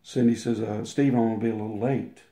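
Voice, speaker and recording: Talking fast with fairly even intonation, the older man has a warm voice on the low side. As an interview guest he casually tells a long, rambling personal story with restarts and acted-out quotes, recorded with a roomy echo.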